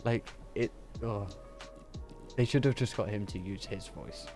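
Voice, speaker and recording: A man's voice: on the low side, unhurried. A man casually commentating on his own gameplay, rambling, sweary and easily distracted. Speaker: streamer. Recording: game music playing underneath.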